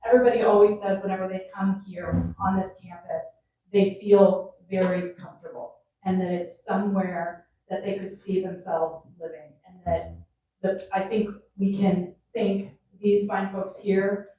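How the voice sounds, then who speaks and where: A woman's voice: medium pitch, fairly even intonation, measured pace, dark tone, a little hiss or hum. A woman who works at a senior community, hosting a resident panel in a chatty way, laughing often and restarting sentences. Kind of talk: casual panel talk. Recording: echoey room, picked up from far off.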